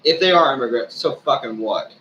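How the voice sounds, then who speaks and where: A man's voice: medium pitch, lively intonation, sharp tone, muffled recording. Drunk guy ranting online, rambling and sweary, keeps stalling midthought, noisy recording. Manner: profane, halting, frequently losing his thread. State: drunk, slurring and losing his thread. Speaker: online ranter, video host. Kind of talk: rambling off-the-cuff opinion rant.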